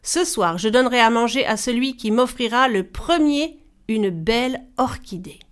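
A woman's voice: on the high side, lively intonation, normal speed, lightly acted. A woman voicing Anansi, lazy greedy trickster father. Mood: scheming. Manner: sly, self-serving.

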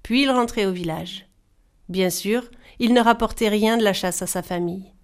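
A woman storyteller reading a folktale aloud in a measured, expressive style. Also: mid-range voice. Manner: measured, animated voices for characters.

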